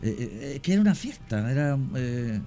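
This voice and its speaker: Speaking in a sing-song way at normal speed, a Chilean-accented man with a medium-pitched, dark voice tells cemetery stories as a guest in a radio studio. He goes on at length, hesitating often, with soft music behind him.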